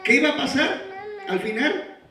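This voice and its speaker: A man preaching a sermon in a very high, bright voice. He asks rhetorical questions and builds toward shouted exhortations. The voice comes from some way off the mic and rings through a very echoey church hall. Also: lively intonation, normal speed, recorded from a distance, a little hiss or hum. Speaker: pastor.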